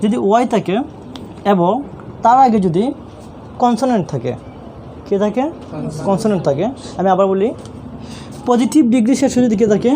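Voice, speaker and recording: Mellow-voiced Bangladeshi male grammar teacher. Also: high voice, moderate pace, long pauses, slight background noise. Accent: Bangladeshi Bengali. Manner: patient, repeats questions and answers them himself. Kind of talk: online classroom lesson.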